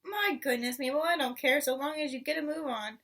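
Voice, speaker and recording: A bossy farmer's wife from a children's tale gives commands in a high voice, voiced by a woman reader. She is impatient and snappish. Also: brisk, a bit bright, recorded from a distance.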